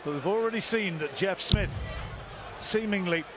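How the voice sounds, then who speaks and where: A man's voice: high-pitched, moderate pace. A man giving live darts commentary in short, conversational phrases. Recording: clear crowd noise behind. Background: noisy darts arena.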